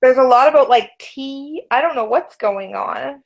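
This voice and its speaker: A woman's voice: sits high, normal speed, vocal fry, lo-fi sound. A woman co-hosting a podcast in casual chat, reacting and asking questions in a conversational way. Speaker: podcast co-host.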